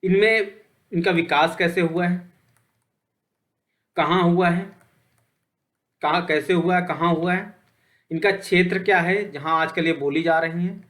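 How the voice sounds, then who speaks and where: Male lecturer, slightly high voice, chatty explainer who quizzes and answers himself. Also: fairly even intonation, a little slow, long pauses, a bit bright. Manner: conversational, repeats points with "ठीक है"; poses questions then answers them. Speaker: teacher. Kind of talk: online lecture.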